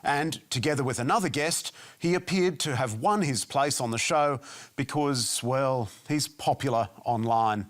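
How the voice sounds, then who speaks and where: A man narrates a news report from a script, with a slightly wry tone. His voice sits at an ordinary middle pitch. He reads steadily and clearly. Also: measured pace.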